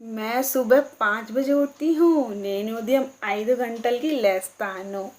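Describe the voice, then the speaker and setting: A woman with a fairly high voice teaches a beginner lesson. She keeps asking her viewers questions and then repeats each answer slowly and clearly. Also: darkish tone. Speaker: language teacher.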